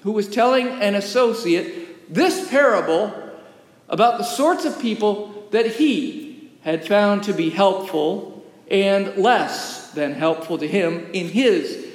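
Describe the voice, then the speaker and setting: A high-voiced man delivers a sermon at an unhurried, deliberate pace, leaving long pauses between phrases. His voice rings through a roomy old sanctuary with a long, trailing reverb. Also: animated. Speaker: pastor. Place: historic church sanctuary.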